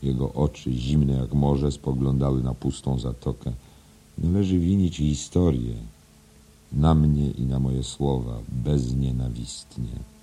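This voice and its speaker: Very deep, dark-voiced male narrator. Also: flat delivery, a little slow, breathy edge. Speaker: audiobook narrator. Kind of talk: scripted literary narration.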